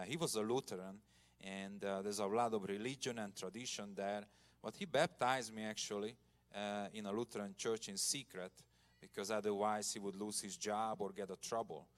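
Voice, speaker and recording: Speaking in a lowish, steady voice at normal speed, a middle-aged man from Hungary delivers his personal testimony as a guest preacher in a church sanctuary. His Hungarian accent comes through as he talks earnestly, becoming loud and emphatic when he praises.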